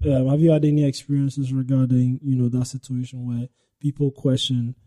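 A man's voice: medium pitch, level tone, a little fast, mellow. A man hosting a podcast, agreeing readily and asking probing questions in casual conversation. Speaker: podcast host. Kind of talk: casual interview.

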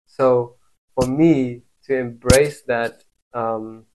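A young man from Morocco talks as a podcast guest. His storytelling is loose and casual, full of "like" and restarts, at a middling pitch for a man. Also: steady tone, very slow, noisy background. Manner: loose storytelling, heavy on filler "like".

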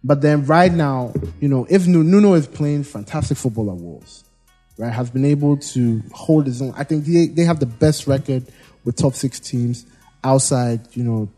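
A man co-hosting a casual football podcast, with a mellow, slightly husky voice. He talks in a hesitant way, restarting his sentences as he argues his point. Faint music sits behind him. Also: medium pitch, normal speed. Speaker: podcast co-host.

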